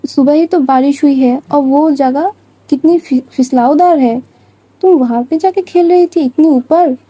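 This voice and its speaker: A woman storyteller plays a caring young woman who scolds to protect. The voice is high and warm, and the recording is dry and close. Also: a little slow, no room sound, low-quality recording. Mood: fussing. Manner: scolding, fussing, insistent.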